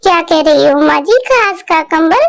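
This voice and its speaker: A woman's voice: very high-pitched, expressive, moderate pace, creaky, dry recording, heavily acted. Meethi, a woman doing a fretful little bird bride. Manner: worried and pleading. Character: young bird daughter-in-law, tearful and fretful. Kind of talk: cartoon voice acting.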